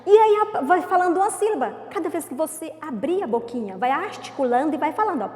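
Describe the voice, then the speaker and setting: Brazilian woman, high voice, children's teacher, sing-song syllables, echoey room with long reverb. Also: animated, quick pace, a little mellow. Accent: Brazilian Portuguese. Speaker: primary school teacher. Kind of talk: remote class for young children.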